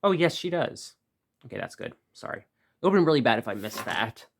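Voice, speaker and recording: A man's voice: mid-range voice, very animated, a little fast, creaky, a little hiss or hum. A man giving a casual, rambling review of a toy set from his room, full of fillers and restarts.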